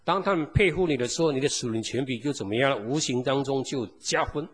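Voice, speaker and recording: A man's voice: mid-range voice, fast talker, slightly rough. A man preaching a sermon as pastor, peppering the congregation with rhetorical questions. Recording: long hall reverb.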